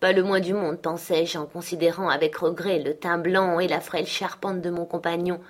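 A woman narrating a novel aloud in a steady, measured reading style. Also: lowish voice. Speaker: audiobook reader. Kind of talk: scripted narration.

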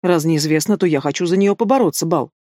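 Booming feathered male demon, rowdy and teasing, dry close read by an audiobook reader. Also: quick pace, darkish tone, no room sound, lightly acted. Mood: boastful. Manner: booming, roaring with laughter. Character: loud brash winged male demon, boisterous, teasing. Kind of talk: audiobook character voice.

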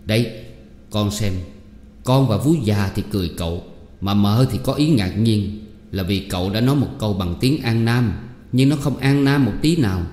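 A man voicing an earnest middle-aged father who explains things patiently and in a measured way, in a storybook reading. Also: on the low side, darkish tone, close to an everyday voice. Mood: lecturing. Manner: measured, instructive, sentence by sentence. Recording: reverberant hall with faint music.

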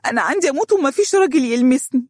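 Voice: rapid-fire, a little mellow, husky, no room sound, clean studio sound, lightly acted. A reader doing a tearful young Egyptian woman. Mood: distressed. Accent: Egyptian Arabic. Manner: high, strained and pleading.

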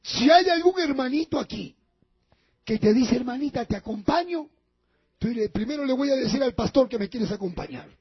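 A man's voice: very high voice, lively intonation, fairly quick, husky, dull audio. A male pastor preaching a sermon, emphatic and repetitive, often calling to his listeners as brothers.

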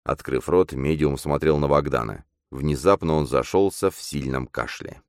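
Deep-voiced man narrating a story, steady pace, dry studio sound. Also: moderate pace, clean tone, no room sound. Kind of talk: audiobook narration.

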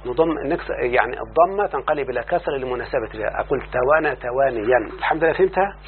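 A man's voice: medium pitch, expressive. A man with an Egyptian accent teaching Arabic morphology, often asking his student if he follows and stretching out word forms as he says them. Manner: repeats word forms slowly and drawn out. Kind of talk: explaining a classical text to a student. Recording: tinny phone-like line with faint hum.

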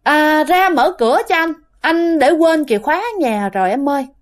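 A woman's voice: high-pitched, expressive, moderate pace, voice pushed up. A woman voicing a ghost that fakes a husband's voice, pleading to be let in. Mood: coaxing. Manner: coaxing, repeated pleading calls.

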